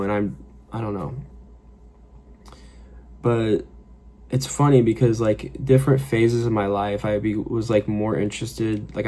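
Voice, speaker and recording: A man's voice: lowish voice, mellow, a little hiss or hum. A man in his late twenties talking casually in a rambling, profane way, full of filler words, in a reflective vlog monologue. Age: late 20s. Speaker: fragrance vlogger. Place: his apartment.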